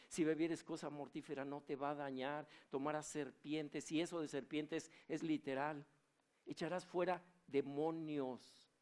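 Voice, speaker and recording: A man preaching a sermon, telling stories and asking the congregation questions. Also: a little high. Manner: animated, storytelling, asks the congregation questions. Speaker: pastor.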